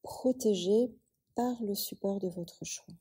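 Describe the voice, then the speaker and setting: In a warm, husky, mid-range voice, a woman yoga teacher talks listeners through relaxation. She takes her time and leaves long gaps between each phrase.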